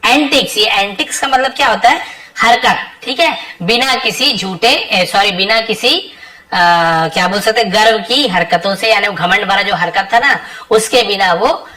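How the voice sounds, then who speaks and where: A woman teaching a translation lesson, reading English phrases slowly and then explaining each word patiently. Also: medium pitch, sharp tone, distant mic, poor audio. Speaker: English tutor.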